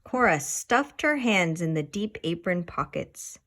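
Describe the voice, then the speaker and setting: With a fairly low-pitched voice, a woman reads a children's picture book aloud. Her storytelling is expressive and deliberate.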